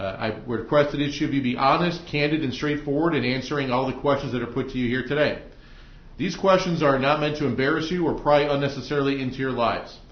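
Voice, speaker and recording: In an echoey indoor courtroom, an American man presiding over jury selection gives jurors semi-formal instructions at a medium pitch, full of ums and uhs. Room microphones in the ceiling capture him with a dull, echoey sound.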